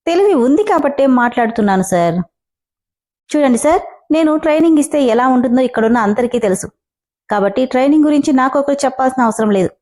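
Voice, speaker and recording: A woman's voice: high voice, lively intonation, a little mellow. A woman doing a cheeky, defiant young heroine. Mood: defiant mocking. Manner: cheeky, mocking, drawn-out. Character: defiant sharp-tongued young woman employee.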